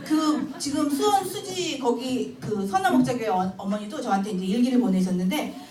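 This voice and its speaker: High-voiced animated woman lecturer. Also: moderate pace. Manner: animated storytelling, acting out child and mother dialogue, frequent laughter. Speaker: Bible memorization instructor. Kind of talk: lively church lecture with acted-out anecdotes. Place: church hall. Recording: echoey hall, distant mic, noisy.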